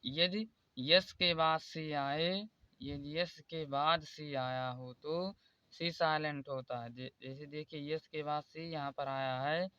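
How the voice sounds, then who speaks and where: A male teacher walks through spelling rules at a slow, deliberate pace and repeats each example as he points to it. His voice sits a little high and sounds bright and crisp. The recording is dry and slightly dull. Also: no echo. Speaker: English teacher. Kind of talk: explaining spelling rules in Hindi.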